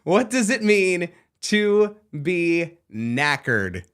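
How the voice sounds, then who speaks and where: A man hosting a radio trivia bit, with a high, bright voice. He swings his pitch widely as he teases and quizzes his co-host in a playful way. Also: extremely slow, clean tone. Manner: animated, playful quizmaster. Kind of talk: casual radio banter.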